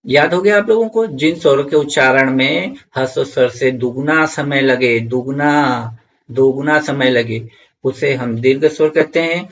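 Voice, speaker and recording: A man's voice: on the high side, normal speed, hardly any pauses, a bit bright, muffled recording. Repetitive, coaxing male exam teacher. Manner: repeats key points, checks in with viewers. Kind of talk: online Hindi grammar lesson.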